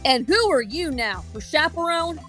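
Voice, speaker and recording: A woman's voice: high-pitched, animated, normal speed, fairly bright tone, faint music behind. A woman voicing a brash, feisty Southern country woman photographer with a folksy drawl. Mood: snappy. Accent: American Southern.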